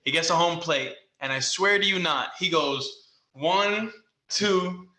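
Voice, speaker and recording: Animated young man telling sports stories. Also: fairly high pitch, unhurried. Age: young adult. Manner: animated, acts out quotes loudly. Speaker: podcast co-host, former baseball player. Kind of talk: casual storytelling chat. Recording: echoey room.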